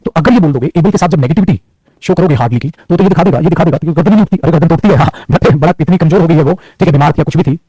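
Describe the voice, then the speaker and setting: Guy teaching grammar, fast, husky, dry close mic, teasing his students. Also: on the high side, mellow, dry recording, poor audio. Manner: scolding, teasing, calls students beta. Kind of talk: classroom lecture in Hindi mixed with English.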